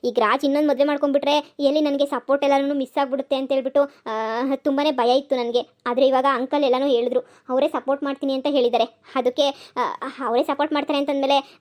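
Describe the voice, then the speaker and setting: A voice actor playing a polite young woman who calmly explains herself and mixes English words into her speech in a cartoon comedy. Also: sits high, lightly acted. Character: calm young woman, career-minded ex-girlfriend.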